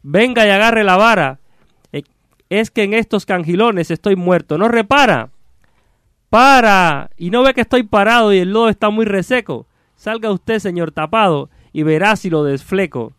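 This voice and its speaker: A man voicing a hot-tempered rustic man who shouts and curses in a quarrel, recited in rhyming verse. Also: high voice, animated, moderate pace, clean tone, no echo, studio quality, pitched above the performer's own voice. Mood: quarrelsome. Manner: loud, exclamatory verse delivery.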